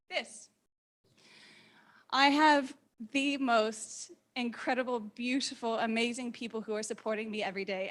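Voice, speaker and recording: A woman in her thirties, speaking at a community meetup, relays personal anecdotes to a live audience with candor and energy, dramatizing her inner thoughts. Her voice runs a little high. The accent is an ambiguous mix, not clearly American, New Zealand or Australian.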